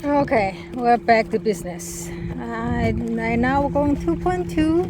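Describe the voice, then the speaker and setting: A woman's voice: fairly high pitch, takes it slowly. A woman narrating a casual hands-on product test outdoors on a boat, speaking in short broken remarks as she works. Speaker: product demonstrator. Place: outdoors on a small motorboat on the water. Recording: noisy outdoor boat recording. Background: boat and water noise.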